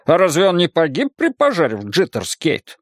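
Heavyset male librarian, stern and distrustful, raised pitch, dry close read, put on by a male narrator. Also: huge pitch swings, moderate pace, no echo. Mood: probing. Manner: stern, probing, suspicious questions.

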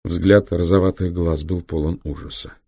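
A male audiobook narrator with a very low, husky voice reads in a measured, steady way. The sound is dry and close to the mic. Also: dry recording. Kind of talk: scripted narration.

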